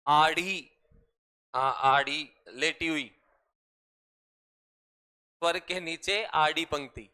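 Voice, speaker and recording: A man with a Rajasthani Hindi accent teaching a class, slowly dictating notes and repeating each phrase for students to write down. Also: on the high side, pushed and bright, smooth. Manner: slow, repetitive dictation.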